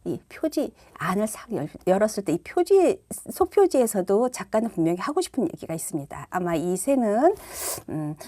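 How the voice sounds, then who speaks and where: Animated woman coaching parents on reading. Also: mid-range voice. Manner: warm explanatory, acts out read-aloud lines. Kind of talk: instructional talk to parents.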